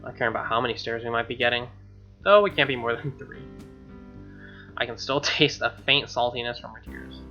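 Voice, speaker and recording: A man hosts a gaming video, reading out a visual novel and adding casual, snarky asides laced with profanity. At medium pitch, he talks a little fast with a bright, forceful tone. His dull, lo-fi mic sits over game music featuring guitar.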